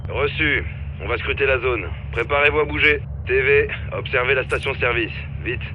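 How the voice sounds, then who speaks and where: An actor playing a commanding military air-support officer in a video game, giving clipped, authoritative orders. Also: male voice, medium pitch, moderate pace, narrow, tinny audio, close to an everyday voice. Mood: brisk, focused. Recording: radio dialogue under loud battle noise.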